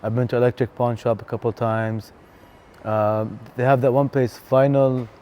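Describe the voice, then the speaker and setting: A man from Canada, a DJ talking casually in an interview, relaxed and chatty with lots of fillers. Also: mid-range voice, normal speed, highs cut off. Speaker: DJ and venue co-founder, guest.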